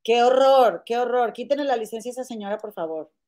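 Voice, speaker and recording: Higher-voiced woman chiming in. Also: fast talker, a little mellow. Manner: short agreeing interjections, wry asides. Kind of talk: casual gossip chat.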